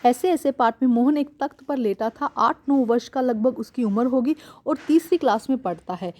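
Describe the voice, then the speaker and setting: A woman's voice: a little high, normal speed, a little mellow. A woman teaching a class lesson on a Hindi one-act play, calling her students "beta" and restating each line in simple words.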